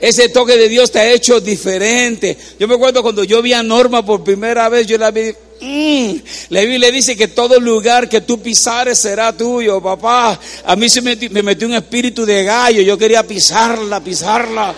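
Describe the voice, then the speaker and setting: High-voiced joking male preacher. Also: fairly even intonation, normal speed, hardly any pauses. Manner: joking, playful, repeats phrases for the congregation. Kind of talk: humorous sermon. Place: church.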